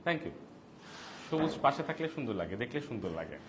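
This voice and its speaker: Lively Bangladeshi man giving parenting advice. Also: mid-range voice, brisk, slight background noise. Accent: Bangladeshi Bengali. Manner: lively, acts out quoted lines. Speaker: parenting talk host. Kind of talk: live-streamed parenting talk.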